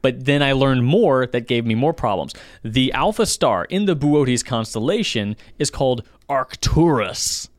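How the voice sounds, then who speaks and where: A man co-hosting a casual podcast chat, getting animated and jumping up in pitch when excited. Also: unhurried, hardly any pauses, no echo, clean studio sound. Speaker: podcast co-host.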